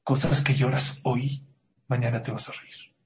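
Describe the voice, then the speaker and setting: Man, rabbi, storytelling sermon, dramatic, loud and soft swings. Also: medium pitch, level tone, a little slow, noisy background. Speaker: rabbi giving a talk.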